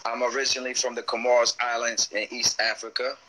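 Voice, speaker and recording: A man in his thirties, a rapper on a live video call, with a bright, tight, edgy tone. He talks easygoing and streetwise, dropping frequent "you know what I'm saying". He sounds like he is on a webcam in a room at home. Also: medium pitch, flat delivery, fast, rough recording. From Washington DC / Maryland area, USA. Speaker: rapper, interview guest. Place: room at home, seated in gaming chair. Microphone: phone or webcam on a video call.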